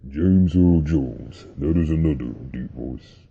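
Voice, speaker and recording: In a creaky, slightly rough bass, a young man talks slowly to camera about deep voices. He's relaxed and a bit rambling, chatting to viewers with slang and fillers. The recording is dull lo-fi.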